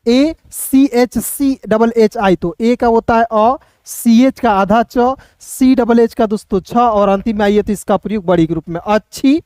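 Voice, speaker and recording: A man's voice: high voice, a little mellow, no echo, clean studio sound. A man teaching a beginner language lesson, patiently spelling words out letter by letter, checking often that listeners follow and cheering them on like friends.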